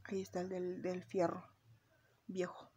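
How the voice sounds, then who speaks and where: Chatty, breathy Mexican woman vlogger. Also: fairly low pitch, monotone, a little slow, dark tone. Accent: Mexican Spanish. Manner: chatty, confiding, often calls viewers "my girls". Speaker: beauty vlogger. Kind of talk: casual chat while doing makeup.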